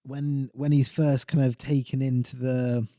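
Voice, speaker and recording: A man co-hosting a podcast, talking about a film in a relaxed, halting way. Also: mid-range voice, dry recording, clean studio sound. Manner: relaxed, halting, swears casually. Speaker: podcast co-host. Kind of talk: casual film review chat.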